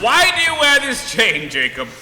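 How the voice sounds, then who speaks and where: A man's voice: extremely high pitch, wildly swooping pitch, normal speed, pushed and bright, heavily acted. A man playing an elderly, fearful miser in a comic stage play, recorded in a reverberant hall. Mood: wary. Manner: theatrical, breaks into laughter. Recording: roomy hall with long reverb, faint noise.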